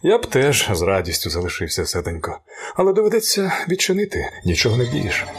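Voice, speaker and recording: An actor playing a kind male doctor in a radio play, speaking in a gentle, earnest, polite way. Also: mid-range voice, huge pitch swings, fairly quick, faint music behind.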